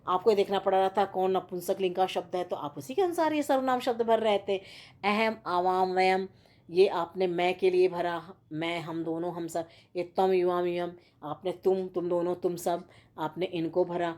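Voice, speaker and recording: A woman's voice: fairly low pitch, normal speed, darkish tone. A woman teaching a school grammar lesson, explaining patiently and often checking that students follow. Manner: patient, repeats and checks with "theek hai na". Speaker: Sanskrit teacher.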